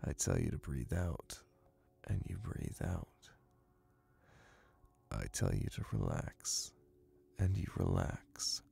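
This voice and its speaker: Slow and deliberate, a male voice actor performs a full character voice as a young hypnotist from class. The tone is low and heavy with vocal fry, dominant and self-assured, yet soothing and soft in true ASMR fashion.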